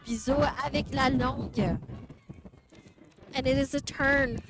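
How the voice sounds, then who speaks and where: A woman's voice: high voice, fairly even intonation, takes it slowly. A woman doing bilingual play-by-play commentary outdoors, switching between English and French. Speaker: sports commentator. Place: outdoors at a windy field. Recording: light wind noise.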